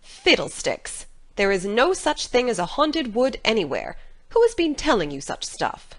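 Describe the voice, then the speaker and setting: A practical, stern older woman from a storybook drama acted by a woman. She scolds briskly and firmly, her pitch moving in lively swoops. There is no nonsense in her delivery. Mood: incredulous, scornful. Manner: brisk, scolding, incredulous, firm. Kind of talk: dramatic audiobook character reading.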